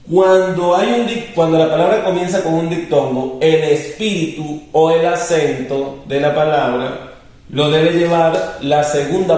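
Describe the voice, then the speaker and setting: In a very echoey room with the mic set far off, a man with a slightly high, darkish voice teaches a recorded classroom lesson, patiently explaining and going over the rules again.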